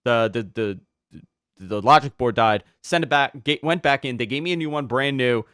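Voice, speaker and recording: A man hosting a podcast, telling stories in an animated way and repeating words when he gets excited. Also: medium pitch, moderate pace, no echo, studio quality. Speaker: podcast host. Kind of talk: casual podcast chat.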